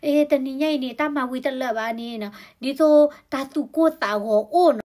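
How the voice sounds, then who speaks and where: A woman's voice: high voice, fairly quick, darkish tone. A woman explaining health topics in a conversational way, often adding tag particles to her sentences. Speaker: health educator.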